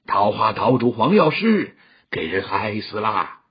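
A proud old martial arts master who growls low and slow with scorn, as a male reader puts him on. The voice is husky and gruff. The recording is dull and lo-fi. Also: big pitch swings, heavily acted. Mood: blunt.

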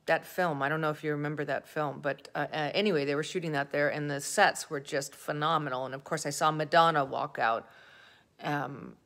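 A woman's voice: deep voice, steady tone, brisk, a bit bright. A middle-aged woman actor telling casual, self-deprecating stories about her career, laughing as she goes. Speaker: actor answering fan questions. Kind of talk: casual anecdotal storytelling.

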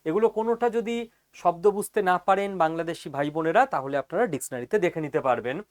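A man's voice: fairly high pitch, fairly quick. A man giving an explainer lecture as a teacher, speaking emphatically and often checking that listeners follow.

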